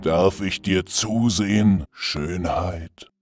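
An actor playing a gentle, sorrowful beast in a German fairy tale, speaking softly and solemnly. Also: male voice, low voice, dry recording, clean studio sound, faint music behind, exaggerated voice. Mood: gentle, wistful. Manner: slow, soft-spoken, solemn.

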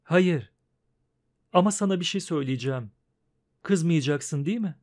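A man voicing a gentle, anxious farmer's wife who speaks softly and pleadingly, in an audiobook. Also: high-pitched, animated, moderate pace. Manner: soft, pleading and coaxing.

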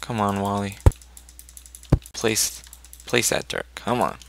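A let's-play gamer talks casually over his own gameplay, thinking aloud and cheering his character on, in a lowish, gravelly voice with fairly even intonation and a slow pace. It's a noisy home recording, with loud keyboard clicks and typing in the background.

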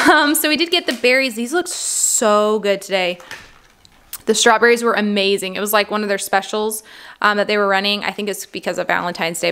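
A woman's voice: medium pitch, sharp tone, clean tone. A woman in her thirties, a mother of a large family, chatting casually through a grocery haul at home, with lots of fillers and little laughs. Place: indoors at a home table.

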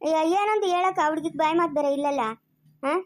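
A woman's voice: high-pitched, quick pace, close to an everyday voice. A woman playing a kind village mother who soothes and coaxes, in a home-made family skit. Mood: coaxing. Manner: soothing, then grumbling under her breath.

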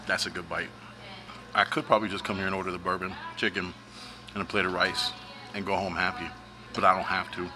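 Chewing man with a low voice. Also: little pitch movement, brisk, pauses often. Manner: laid-back, slangy, talks through bites. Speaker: food reviewer. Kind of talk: casual food review vlog. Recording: music playing behind.

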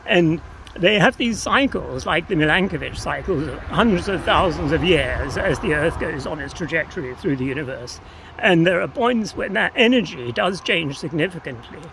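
The same older interviewee, outdoors on open grassland near a path with clear ambient noise around him, talks at normal speed in a slightly high voice with lively intonation. His explanations are reflective, tentative and philosophical.

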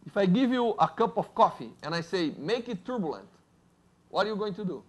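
Brazilian-accented male lecturer, lively. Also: sits high, quick pace. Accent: Brazilian Portuguese. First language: Portuguese. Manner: lively, jokes with audience, asks "right?". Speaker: physics lecturer. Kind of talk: university lecture.

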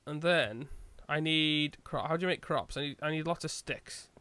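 A man's voice: a little high, normal speed, sharp tone. A man chatting casually as he co-hosts a gaming video, bantering in an exasperated, sweary way. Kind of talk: casual chat while playing Minecraft.

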